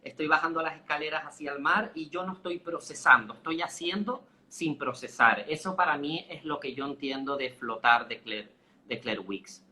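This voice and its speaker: A man with a very bright, forceful voice reassures listeners and explains with everyday images. A faint noise sits in the background. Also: fairly high pitch, normal speed. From Canary Islands. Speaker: guest. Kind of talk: casual live talk.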